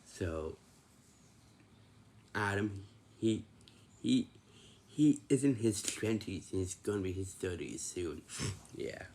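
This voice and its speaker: A man's voice: low-pitched, expressive, takes it slowly, long pauses, darkish tone. A man in his twenties talking casually to the camera, repeating himself and answering his own questions. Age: 20s. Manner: repetitive, asks himself questions and answers them.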